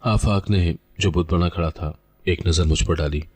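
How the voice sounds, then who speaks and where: Deep husky male storyteller. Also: steady tone, normal speed, darkish tone. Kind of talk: scripted first-person narration.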